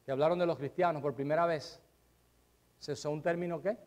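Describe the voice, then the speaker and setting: A male pastor preaching a sermon, swinging between loud emphasis and quiet asides and asking the congregation rhetorical questions. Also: fairly high pitch, steady tone, a little fast.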